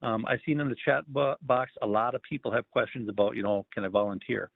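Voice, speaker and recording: Guy calling in by phone, kinda gravelly, tinny phone sound, lots of ums. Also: medium pitch, quick pace, dry recording. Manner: relaxed, lots of ums and uhs. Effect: speaking over a phone line. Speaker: federal wildlife agency staffer giving a career talk. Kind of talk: casual online presentation. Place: online video call. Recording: tinny phone line, dry.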